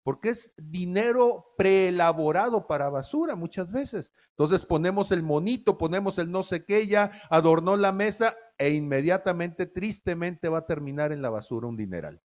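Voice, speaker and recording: A man's voice: high-pitched, lively intonation, moderate pace, few pauses. A man preaching a sermon in a folksy way, often checking in with the audience.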